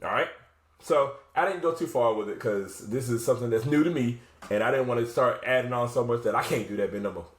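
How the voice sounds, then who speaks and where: A drumline instructor talks fast at medium pitch, casually laying out drum rudiments step by step and demonstrating on a drum. He self-corrects as he thinks aloud. There's slight background noise, and the echoey room carries the sound of drumming.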